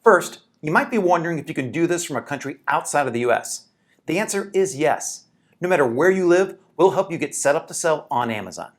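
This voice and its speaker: Steady promo narrator answering objections. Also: mid-range voice, brisk. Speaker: sales pitch narrator. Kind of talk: scripted promotional voice-over.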